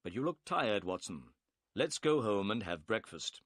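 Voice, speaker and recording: Sherlock Holmes, read by a man, brisk and polite. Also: fairly low pitch, very animated, a bit bright, no room sound, studio quality, exaggerated voice. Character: calm clever male detective. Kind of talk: audiobook character voice.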